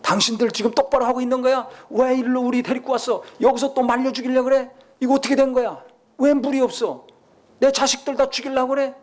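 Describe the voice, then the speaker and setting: A man voicing an angry Israelite man who shouts accusations at his leader over the lack of water. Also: very high-pitched, fairly even intonation, fast, voice pushed up. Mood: furious.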